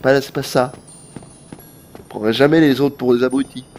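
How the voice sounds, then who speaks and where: A man's voice: medium pitch, moderate pace, soft background music. A man streaming a video game live, chatting straight to his viewers with casual swearing. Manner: animated, talks straight to chat, swears casually. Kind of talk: live gameplay commentary.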